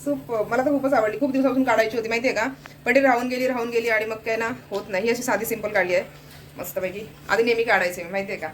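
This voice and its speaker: A woman's voice: a little high, fairly even intonation, fast talker, slight background noise. A young woman chatting casually to viewers in a home vlog, pointing things out as she goes. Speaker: vlogger.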